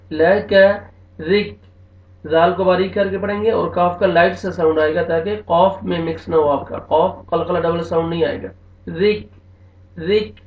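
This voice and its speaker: Gravelly high-voiced tajweed teacher, echoey. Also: male voice. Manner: slow drawn-out recitation alternating with quick explanations. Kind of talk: online recitation lesson. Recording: echoey, distant, tinny phone-like sound.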